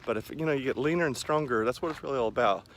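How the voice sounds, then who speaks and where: Talking very fast in a mid-range voice, a man in his forties rambles to camera about running while pacing around outdoors in a lakeside park. He's self-deprecating throughout, and the recording clearly picks up the ambient noise outside.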